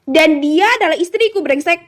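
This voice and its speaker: A woman's voice: high voice, quick pace, a little hiss or hum, natural voice. A woman voicing an arrogant, sneering young man in an audio story. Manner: sneering, defiant.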